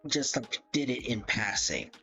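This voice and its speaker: With background music playing behind a dull lo-fi mic, a man hosts a casual livestream ranking game characters. He speaks at a measured pace in a medium-pitched, pushed and bright voice, thinking aloud hesitantly and frequently correcting himself.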